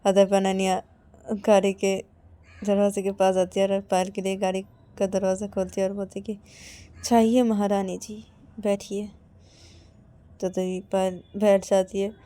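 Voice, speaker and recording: A woman's voice: mid-range voice, completely flat delivery, moderate pace, dark tone, smooth. A woman telling a story in a plain, repetitive way and voicing all of its characters.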